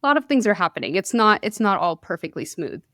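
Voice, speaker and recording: A woman hosting a podcast tells a science story in an easy, conversational way. She breaks into laughter often and pokes fun at herself. Her voice sits at a middle pitch and is recorded close and dry. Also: very animated, fast talker, bright, forceful tone, no echo. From India. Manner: chatty, laughs often, self-deprecating asides. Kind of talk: casual storytelling chat.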